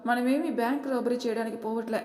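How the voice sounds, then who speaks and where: A bossy, scheming young woman who talks in brisk scolding bursts, as a woman reads her part. The voice sits a bit high. It rings in an echoey room with a long tail. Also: fairly even intonation, a little mellow, close to an everyday voice. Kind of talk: audiobook character voice.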